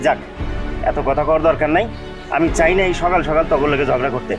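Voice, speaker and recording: A man's voice: fairly high pitch, steady tone, a little fast, lightly acted. A young man, playing an earnest, pleading elder son in a TV drama, with music underneath. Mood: angry. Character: dutiful elder son, jobless and worried. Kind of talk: TV drama acting.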